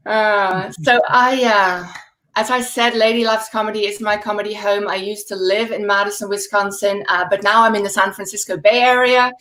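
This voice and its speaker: Over a video call, a stand-up comedian in her forties who grew up speaking Dutch in the Netherlands does her set deadpan, breaking into laughing asides. She speaks at a moderate pace with medium pitch, and the poor audio has a little hiss or hum.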